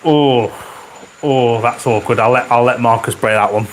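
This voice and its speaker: A man's voice: medium pitch, fairly even intonation, normal speed, slight background noise, low-quality recording. Man hosting a casual livestream. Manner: chatty, reads out viewer comments with dry humor. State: keeps clearing his throat. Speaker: livestream host. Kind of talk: casual live chat. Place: home garage with a model railway layout. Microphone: wearing a microphone.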